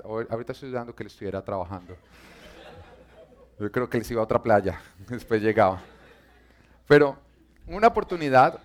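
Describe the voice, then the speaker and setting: A man preaching a sermon and telling humorous stories, speaking directly to his audience in a playful, animated way. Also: medium pitch.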